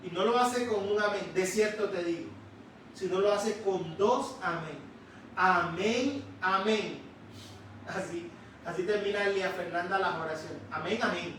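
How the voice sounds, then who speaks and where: A man preaching a sermon in a church, slowly and emphatically, stretching out key words. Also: sits high, a little hiss or hum. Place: church sanctuary. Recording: echoey church hall, distant mic.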